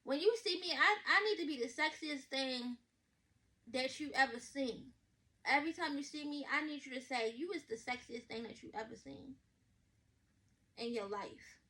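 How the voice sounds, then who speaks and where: A woman, reacting to a story in blunt, sassy, animated casual commentary. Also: high-pitched, normal speed. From Baltimore, USA. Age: 20s. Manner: blunt, sassy, loud and animated with slang and swearing. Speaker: vlogger reacting to a reader's story.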